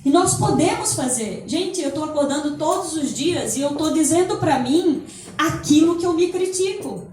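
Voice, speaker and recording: A woman's voice: high-pitched, expressive, normal speed, a little mellow, slight background noise. A woman giving a motivational talk, acting out inner voices and laughing often. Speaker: speaker at a holistic center. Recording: echoey hall from far off.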